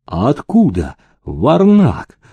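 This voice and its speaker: A male reader voicing an excitable, gleeful rich old factory owner who shouts and eggs on a fight, in a storybook reading. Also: medium pitch, vocal fry, slightly rough, no room sound, narrow, tinny audio, full character voice. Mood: wary. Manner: shouting, egging on, drawn-out delivery.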